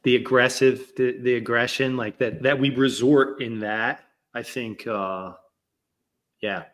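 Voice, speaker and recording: School leader on a podcast, bright and forceful tone, mid pitch, thinking aloud. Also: male voice, steady tone, a little slow. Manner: thoughtful, many fillers and restarts. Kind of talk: casual reflective chat.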